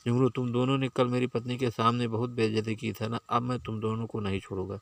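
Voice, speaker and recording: A man's voice: medium pitch, flat delivery, fast, creaky, no echo, close to an everyday voice. A man voicing a skinny village barber who grows furious and threatens his tormentors. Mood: angry. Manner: angry muttering, threatening. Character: skinny timid village barber turned enraged strongman.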